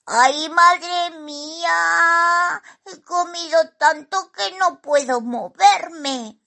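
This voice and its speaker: Woman voicing a tiny greedy male forest creature, storybook, squealing, very high, bright. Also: expressive, slow, exaggerated voice. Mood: whiny. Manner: squealing, gleeful exclamations. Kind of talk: storybook narration.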